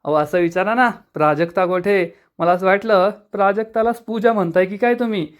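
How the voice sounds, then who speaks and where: Narrator doing a brash gossipy young woman, loud and nosy, pokes fun at people with no filter, middling pitch, retold serial scene. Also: fairly quick, natural voice. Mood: brash teasing. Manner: teasing, blunt and nosy.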